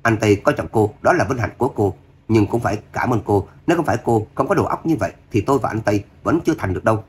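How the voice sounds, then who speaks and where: A man's voice: animated, very fast, a little hiss or hum, lightly acted. A man voicing a spiteful rich young woman who mocks and sneers in an audiobook. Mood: mocking. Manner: sneering, shrill when angry.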